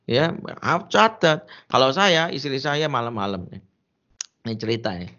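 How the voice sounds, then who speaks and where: A man's voice: mid-range voice, animated, moderate pace, bright, forceful tone. A man preaching a humorous sermon, emphatic and joking as he tells stories and gives advice, on a dull lo-fi recording.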